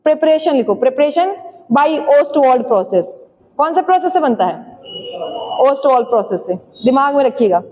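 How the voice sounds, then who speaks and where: A woman's voice: sits high, animated, darkish tone. A woman teaching a chemistry class in speech, quizzing students, answering her own questions and dictating key points. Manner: urges students to write fast; slowly spells out key terms for dictation. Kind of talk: classroom lecture, dictating notes. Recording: long hall reverb.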